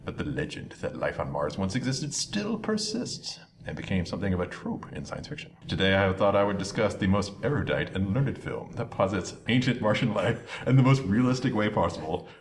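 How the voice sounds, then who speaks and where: A man's voice: on the low side, very animated, fairly quick, hardly any pauses. A man giving a jokey, mock-scholarly explanation on a casual podcast, recorded in a public lobby. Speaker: podcast panelist. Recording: lobby with faint background noise.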